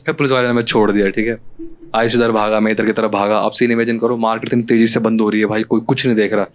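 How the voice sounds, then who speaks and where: A man's voice: lowish voice, flat delivery, fast talker. A young man performing stand-up comedy, telling a story in a casual, conversational way straight to the audience. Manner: conversational, addresses audience directly. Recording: clear background noise.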